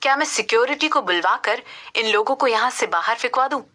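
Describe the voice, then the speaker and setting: A woman's voice: on the high side, lively intonation, brisk, bright, forceful tone. A woman doing a firm, protective young man.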